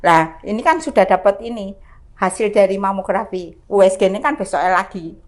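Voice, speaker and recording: Seorang perempuan lanjut usia beraksen Jawa, tamu podcast rumah sakit yang menceritakan perjuangannya melawan kanker dengan hidup dan sering tertawa. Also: female voice, mid-range voice, a little fast. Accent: Javanese. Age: older. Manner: animated, laughing through her story. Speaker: cancer survivor guest. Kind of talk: emotional storytelling. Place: hospital podcast studio.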